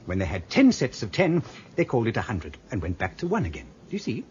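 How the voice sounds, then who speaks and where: Speaking fast with huge pitch swings, a man with a fairly low, darkish voice acts the part of a grumbling, fussy old Briton who once trained as a computer operator. He rambles and lectures pedantically in this radio drama, captured as a dull, hissy lo-fi recording.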